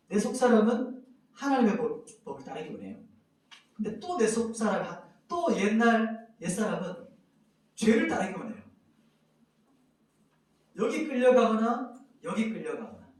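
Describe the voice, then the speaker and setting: Animated pastor preaching in an echoey hall. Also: male voice, high-pitched, recorded from a distance. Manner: animated, acts out cries and sighs of lament. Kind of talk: sermon.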